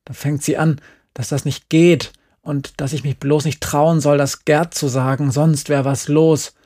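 A man's voice: fairly high pitch, flat delivery, unhurried, natural voice. A man playing an upset defiant teenage girl. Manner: agitated, rising and shouting.

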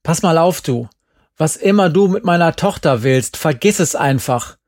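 A man's voice: a little high, animated, normal speed, no echo, studio quality, voice pushed up. A man voicing a stern, commanding middle-aged mother who scolds sharply and with contempt. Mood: scolding.

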